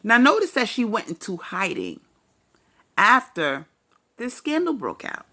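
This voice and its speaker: Blunt slow-talking woman gossip vlogger. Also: on the high side, sing-song, bright, forceful tone. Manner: blunt, opinionated, profane. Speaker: commentary vlogger. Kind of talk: casual celebrity gossip commentary.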